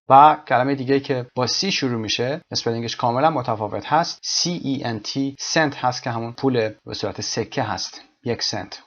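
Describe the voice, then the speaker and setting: Male English teacher, mid-pitched voice, slow spelled-out examples, dull lo-fi sound. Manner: explains in Persian, reads English examples slowly and spells words out. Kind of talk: recorded language lesson. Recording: dull lo-fi recording.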